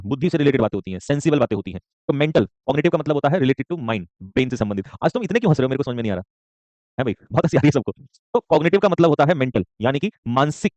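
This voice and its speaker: A man teaching a live online vocabulary class, joking and rapid, often checking in with students and calling them son. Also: mid-range voice, no room sound, highs cut off. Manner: joking, rapid, keeps asking "okay?"; addresses students warmly as son.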